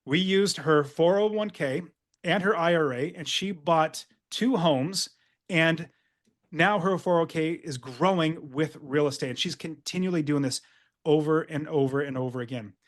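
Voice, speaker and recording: A man's voice: fairly high pitch, normal speed. A man coaching real estate investors in an upbeat, emphatic webinar sales presentation.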